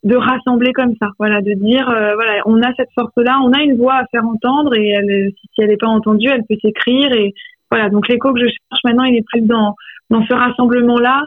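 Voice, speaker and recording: Author guest on a phone call, heard through a thin landline, close and dry, thoughtful and searching in delivery. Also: female voice, a little high, steady tone, brisk, no echo. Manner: reflective, searching for words. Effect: heard over a landline phone line. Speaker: author interviewed about her poetry. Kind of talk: radio interview by phone. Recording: tinny, dry phone line.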